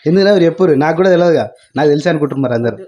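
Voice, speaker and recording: A woman's voice: low voice, lively intonation, rapid-fire, warm tone. A woman chatting with relatives in a casual family vlog, teasing and asking questions. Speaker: vlogger. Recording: slightly dull lo-fi sound.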